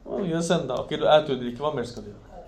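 A man preaching an Islamic sermon, impassioned, swinging from loud emphasis to hushed near-whispers. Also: on the high side.

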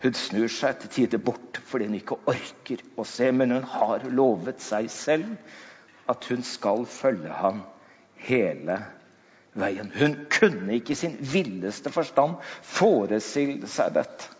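A man preaching in a dramatic storytelling style, slowing down and dropping low for emphasis. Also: lively intonation, a little mellow. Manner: slows down and drops low for emphasis. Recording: dull sound in a long-echo hall.

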